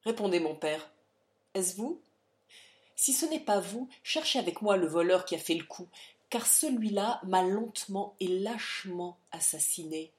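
Lady doing a cold furious young woman, firm and accusing, clear words. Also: medium pitch, expressive, measured pace, close to an everyday voice. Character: indignant young woman, icy and implacable.

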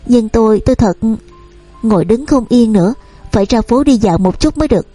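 A woman's voice: fairly high pitch, animated, a little fast, no echo, soft background music. A woman voicing a weary, restless young lady. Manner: soft and weak, then firm.

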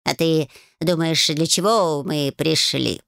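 A woman voicing a grumpy, sarcastic male talking cat in an audiobook, with a gruff, wheezy, slow drawl. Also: deep voice, steady tone, no room sound, clean studio sound. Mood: grumbling. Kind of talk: audiobook character voice.

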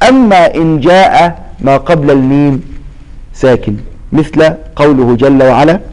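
Sheikh teaching Quran recitation. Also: male voice, on the high side, normal speed, a little mellow, low-quality recording. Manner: questions and answers his own questions; addresses students by name. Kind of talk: explaining lesson with recited verses.

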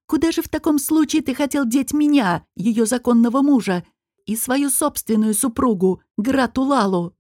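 Woman doing a raging prince guy, yelling high. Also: normal speed, no room sound, clean studio sound. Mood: indignant. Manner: shouting, enraged. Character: furious young male prince, wronged husband.

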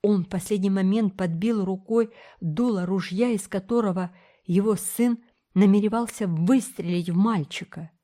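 Woman, audiobook narrator, children's adventure story, expressive, steady, mellow dark tone. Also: mid-range voice, moderate pace.

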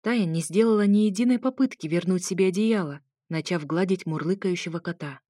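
A woman narrating a first-person story with a wry, conversational delivery. Her voice sits on the low side, recorded close and dry with no room sound. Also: fairly quick, dark tone, no room sound. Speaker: audiobook reader.

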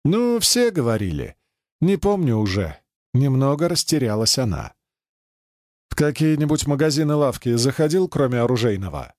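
A teasing young woman soldier with a quick tongue, as a male reader puts her on. She talks in a lively, playful way, her voice climbing and dipping as she needles him. The sound is close and dry. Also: medium pitch, no room sound, close to an everyday voice. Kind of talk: audiobook character voice.

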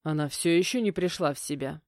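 A woman puts on a stern middle-aged stepfather who grumbles and gives orders. The voice sits low and speaks curtly. It is recorded dry and close, with no room sound. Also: fairly quick, a little mellow, no echo. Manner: grumbling, curt, commanding. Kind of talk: audiobook character voicing.

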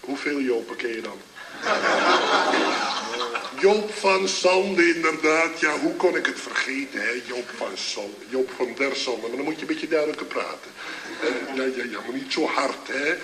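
In a comedy sketch, an actor plays a hungover, groggy man who rambles and chuckles through a phone call to his drinking buddy. His medium-pitched, natural voice is animated at normal speed, with a crowd behind him on an old, echoey recording full of loud hiss.

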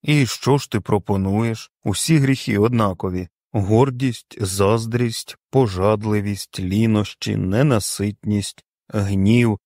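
A man's voice: lowish voice, slow, darkish tone, no room sound, studio quality. A man voicing a stubborn, grumbling husband who talks back defiantly, in a storybook reading.

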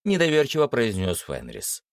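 Lively male audiobook narrator. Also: medium pitch, moderate pace, creaky, dry recording, studio quality. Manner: expressive storytelling.

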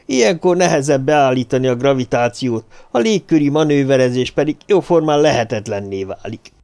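A man's voice: mid-range voice, expressive, a little mellow, clear, resonant tone, natural voice. A man voicing a hearty, gray-haired male army colonel who talks boisterously, in an audiobook. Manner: boisterous, exclaiming.

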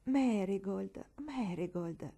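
A woman voicing a gentle, loving widowed mother in a storybook reading, speaking softly and tenderly. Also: medium pitch, lively intonation, slow pace, husky, heavily acted. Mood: amused. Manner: soft and tender, amused then hushed.

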